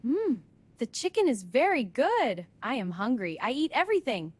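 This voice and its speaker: A woman with a slightly high voice plays an excited young tourist narrating a beginner English lesson. She talks very slowly in short, simple sentences, with a mood of calm wonder.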